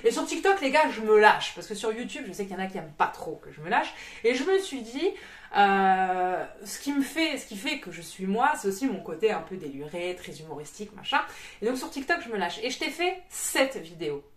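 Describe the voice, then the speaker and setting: A woman's voice: medium pitch, sing-song, fairly quick. Vlogging woman medium: crude, blunt, irritated rant, recorded in an echoey room. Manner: blunt, crude, swearing, exasperated. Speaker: spiritual medium and YouTuber. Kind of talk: casual vlog rant.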